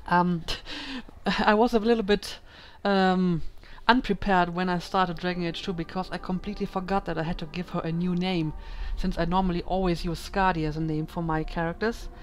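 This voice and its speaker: A woman hosting a casual let's play, musing out loud in a thoughtful, hesitant way with lots of ums, recorded at home. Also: lowish voice. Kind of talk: casual gaming commentary.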